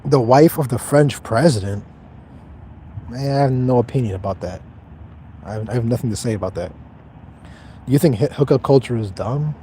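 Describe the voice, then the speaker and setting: A young man in his twenties with a dark, mellow voice talks casually on a livestream. He answers viewers in a blunt, offhand way and swears freely. A faint hum of noise sits behind him. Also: medium pitch, normal speed, long pauses. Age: 20s. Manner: blunt, profane, detached and offhand. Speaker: livestreamer reading chat.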